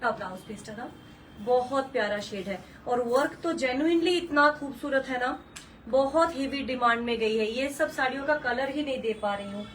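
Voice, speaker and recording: A woman with a high, bright voice pitches sarees on a live stream, gushing and repeating herself as she names each shade. She sits a little back from the mic. Faint noise hums underneath. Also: normal speed, recorded from a distance, rough recording. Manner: gushing, repetitive, mixes English color words into Hindi. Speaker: saree seller hosting a live sale.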